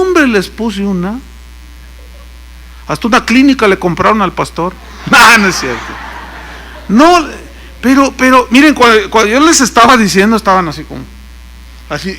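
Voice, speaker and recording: A pastor with a Mexican Spanish accent preaches a sermon full of anecdotes, acting out the dialogue in his stories and adding joking asides. His voice is high with a sharp tone.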